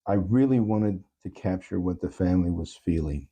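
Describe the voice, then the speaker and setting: His voice sits low, warm and slightly rough, at a normal speed. The man is an earnest interview guest reflecting on his songwriting, returning to certain phrases for emphasis.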